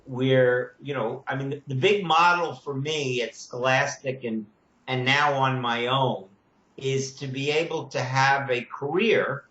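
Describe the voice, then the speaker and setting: Older man, halting and reflective, echoey call. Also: mid-range voice, a bit bright. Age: 70s. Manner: halting, reflective, many "you know" fillers. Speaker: children's media producer. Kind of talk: video call discussion. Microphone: video call. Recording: echoey, muffled video call audio.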